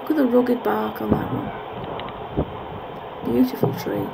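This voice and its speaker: Her mid-range voice is sing-song and measured as the vlogger casually narrates a walk in the park, correcting herself as she goes. A handheld camera's built-in mic picks her up outdoors, along with clear park ambience.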